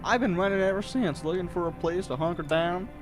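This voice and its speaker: A man's voice: sits high, brisk, music in the background, voice pushed up, lightly acted. A man voicing a folksy older Southern woman drifter in a put-on Southern accent, rambling and stumbling over his words.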